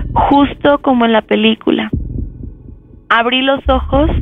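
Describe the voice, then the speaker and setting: Young female caller, hesitant storyteller, higher voice, lo-fi phone sound. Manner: halting, repeats words when tense. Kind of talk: telling a personal ghost story. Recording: dull phone line.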